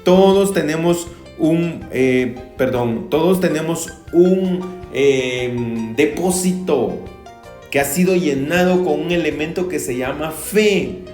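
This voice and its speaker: A man preaching a sermon as pastor, slow and emphatic, rising to loud cries when he quotes. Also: fairly high pitch, echoey room, faint music behind.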